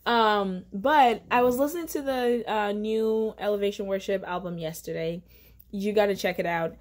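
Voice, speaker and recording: Speaking to camera in her living room, a young faith vlogger shares some relaxed devotional encouragement. She talks at a moderate pace in a mid-range voice, sounding sincere and talkative, with lots of filler words.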